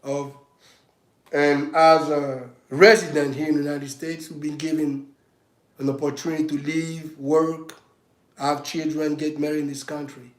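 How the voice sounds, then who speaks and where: A man's voice: on the high side, level tone, a little slow, roomy sound, low-quality recording. A man giving a heated, emphatic political monologue on a livestream, with frequent restarts as he presses his points. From Africa. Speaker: self-styled state governor giving political commentary.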